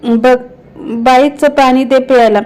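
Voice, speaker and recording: A woman's voice: high-pitched, fairly even intonation, takes it slowly, a little mellow, smooth. Woman reading as a leering village wastrel. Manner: rustic village speech.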